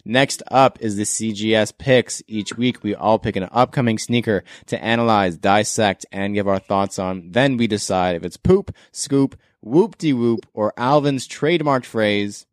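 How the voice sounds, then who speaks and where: A man's voice: fairly low pitch, moderate pace, few pauses, dry recording, studio quality. A young man from Canada hosting a casual sneaker podcast, enthusiastic and slangy, laughing often. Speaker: podcast host.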